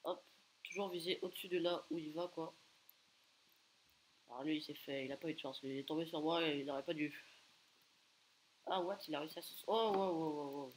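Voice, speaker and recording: A man rattles off live gameplay commentary at his computer, excitable and loud in bursts. He taunts the players around him and lets off strings of repeated exclamations. The line carries a faint hiss underneath. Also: on the high side, brisk, pauses often, rough recording. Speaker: gaming video creator.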